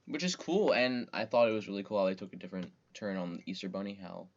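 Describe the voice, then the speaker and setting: A young man co-hosting a casual chat, animated as he reads out movie titles. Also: on the low side, fast, gravelly, dull audio. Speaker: podcast co-host.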